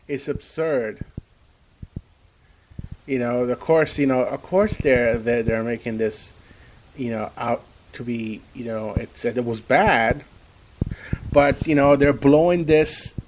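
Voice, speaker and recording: A man's voice: medium pitch, slow pace, long pauses, a little mellow, low-quality recording. Male podcast host, off-the-cuff political rant, rambling and indignant, mid-range voice, hissy recording. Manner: rambling, indignant, heavy fillers and restarts.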